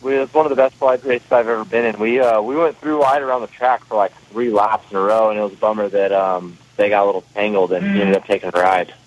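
A man's voice: on the low side, steady tone, quick pace, hardly any pauses. A racing driver, a man, giving a matter-of-fact phone-in interview, his voice heard over a phone line. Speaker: off-road racer calling in as guest.

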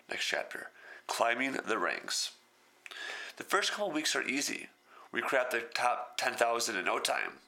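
A man's voice: mid-range voice, sharp tone. A man reading a story aloud and breaking off for wry, sarcastic comments.

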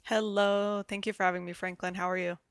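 A young adult woman from the United States, a community organizer speaking as a radio guest, earnest and halting with fillers. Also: medium pitch, little pitch movement, clear, resonant tone, dry recording, clean studio sound. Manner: earnest, with frequent fillers and restarts. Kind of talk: radio interview.

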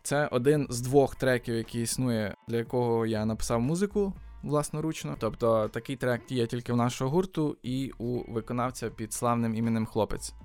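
A man's voice: mid-range voice, a little fast, hardly any pauses, darkish tone, faint music behind. A man, a rapper and songwriter, answering interview questions in casual chat, thoughtful and hesitant with many fillers and restarts. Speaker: podcast guest, rapper and songwriter.

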